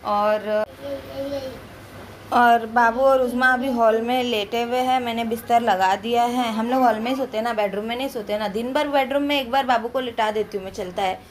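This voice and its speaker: A young woman from India giving a chatty, loud voice-over for her home family vlog. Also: on the high side, fairly even intonation, normal speed, a little hiss or hum. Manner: talks loudly and chattily to viewers. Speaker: family vlogger. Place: at home, indoors.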